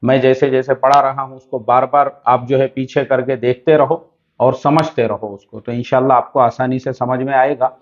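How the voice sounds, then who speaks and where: A man's voice: mid-range voice, flat delivery, lo-fi sound. A man from India teaching a beginner's lesson on reading Arabic letters, drawing out each sound and explaining patiently. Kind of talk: Urdu Arabic-alphabet lesson.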